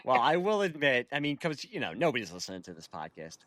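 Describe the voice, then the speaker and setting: A man's voice: mid-range voice, very animated, fast talker, bright, forceful tone, no room sound. A man from Philadelphia hosting a podcast, eagerly rattling off movie trivia in casual chat. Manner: trivia-laden, eager, chuckling. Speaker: podcast host.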